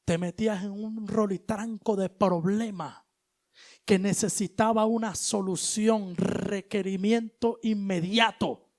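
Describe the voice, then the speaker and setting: A male preacher giving an animated sermon, moving between loud exhortation and hushed asides, with casual slang. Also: sits high, slow pace. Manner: colloquial, uses street slang.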